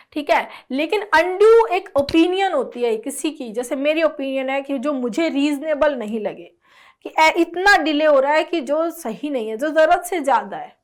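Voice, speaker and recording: A woman teaching vocabulary in an exam-prep lesson. She explains slowly in Hindi mixed with definitions spoken, and she often checks in with "clear?" and "right?". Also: sits high.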